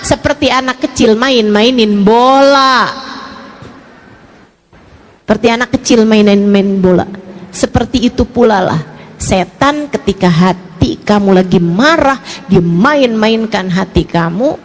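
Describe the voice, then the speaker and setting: A woman preaches a lively sermon in a high, clear voice. She drops to soft, low asides, then rises into bright, pointed questions. She acts out short back-and-forth exchanges with her listeners over a faint hum of ambient noise. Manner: plays out quick imagined dialogues with listeners. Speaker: female preacher.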